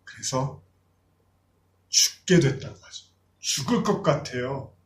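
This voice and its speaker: A man's voice: mid-range voice, expressive, slow, reverberant. A man preaching a sermon as a pastor, talking to his congregation in a conversational way and acting out the voices of people he quotes.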